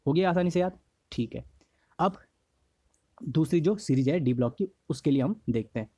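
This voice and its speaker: A male teacher with a slightly hoarse throat, giving a lesson on memory tricks. He repeats each mnemonic slowly and keeps checking in with the class. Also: a little high, animated, warm tone, dry recording. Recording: dry, slightly dull lo-fi recording.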